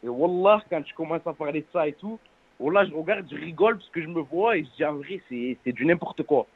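A man in his twenties speaks with a French suburban accent, heavy on street slang. His voice sits a little high and comes through a narrow, tinny phone line. He is earnest and halting, often doubling back on oaths and words. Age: 20s. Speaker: phone-in caller.

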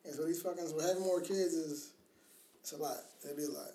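A man in his thirties, with a fairly high but dark voice and a steady tone, talks fast as a podcast co-host in a casual chat about parenting. He's slangy, sweary and teasing, and the recording sounds roomy and echoing.

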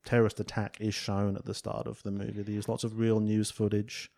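A man's voice: fairly low pitch, monotone, brisk, vocal fry, darkish tone. A man co-hosting a film review podcast in casual chat, making puns and often trailing off mid-sentence. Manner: jokey, makes puns, trails off and restarts. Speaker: podcast co-host.

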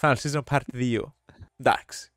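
A man's voice: medium pitch, fairly bright tone, no echo, studio quality. A man with a Cypriot Greek accent chatting casually as a podcast co-host. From Cyprus. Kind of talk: casual chat.

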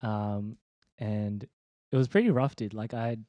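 A man's voice: fairly low pitch, steady tone, unhurried, mellow, no echo, muffled recording. A young man giving a personal faith testimony in an interview, laid-back and slangy, with many ums and restarts. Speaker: interview guest, church leader.

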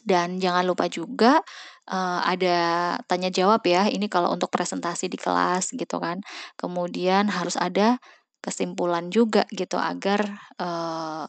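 A woman's voice: on the low side, level tone, moderate pace, dry recording. A young woman giving a casual, chatty lesson on public speaking, with frequent fillers and direct address to her listeners. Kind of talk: casual instructional talk.

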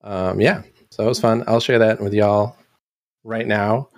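A man presenting on a community show in a casual, halting way, often restarting and clearing his throat. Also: lowish voice, fairly even intonation, dry recording, clean studio sound. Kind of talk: casual chat.

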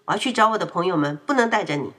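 A woman's voice: lowish voice, animated, very fast, a bit bright. A woman voicing a dismissive older brother in a children's story, who speaks curtly. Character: brusque big brother, teenage boy.

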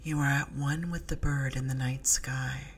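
A woman narrating a sleep story as a guided relaxation, in a soothing, hushed, breathy voice that often softens into a whisper. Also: a bass voice, steady tone, slight background noise. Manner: soothing, hushed, breathy delivery with soft whispery phrase endings. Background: slow music with drum beat.

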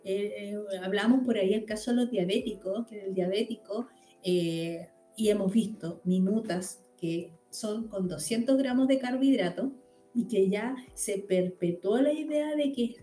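A woman hosts a conversation, explaining things animatedly and acting out what people say. Her voice is warm and mellow, and it rings in a roomy, echoing space. Faint music runs underneath. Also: mid-range voice, a little slow. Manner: explanatory, animated, acts out quotes. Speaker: host. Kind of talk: casual chat about diet. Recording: roomy echo.

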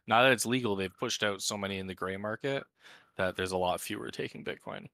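A man who is high, hosting a casual, unscripted podcast chat in a laid-back stoner manner. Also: fairly quick, creaky, bright, forceful tone, no room sound, studio quality. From Canada. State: high on cannabis. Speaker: podcast host.

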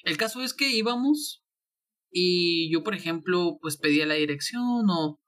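A young man with a Tabasco accent telling funny stories in a casual chat, animated and slangy. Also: sits high. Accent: Tabasco Spanish. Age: young adult. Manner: animated, slangy, quick bursts.

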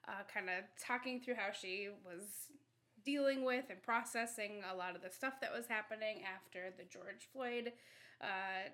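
A woman's voice: mid-range voice, fairly bright tone. A woman co-hosting a podcast in casual, giggly chat, with lots of fillers. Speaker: podcast co-host.

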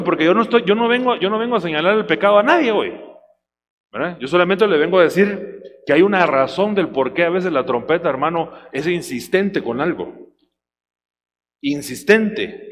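A male preacher giving a sermon. He calls his listeners brother, teases them for not saying amen, and reads Bible verses slowly in a loud, drawn-out voice. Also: fairly high pitch. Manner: slow, shouted readings of Bible verses. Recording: long hall reverb, faint hum.

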